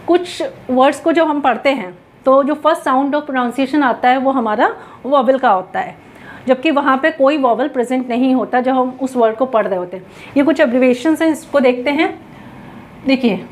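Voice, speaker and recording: A woman teaching English grammar in Hindi mixed with English, asking questions and answering them herself as she writes on a board. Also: sits high.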